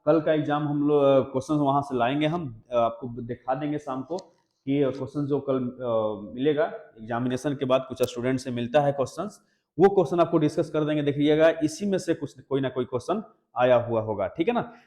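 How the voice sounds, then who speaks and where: This maths teacher speaks briskly in a mid-range voice that's a little mellow. He's preparing students for an exam, breaking things down step by step and regularly quizzing the class to check they understand, all in a room with noticeable echo.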